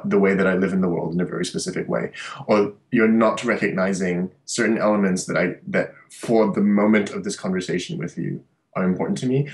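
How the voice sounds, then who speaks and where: A man's voice: low voice, low-quality recording. A young man from Malaysia and Singapore, an artist and social worker, reflecting at length in a small room in front of a webcam, often restarting his sentences. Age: young adult. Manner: thoughtful, with many restarts and fillers. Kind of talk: reflective interview monologue. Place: small bright room indoors. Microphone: webcam at desk.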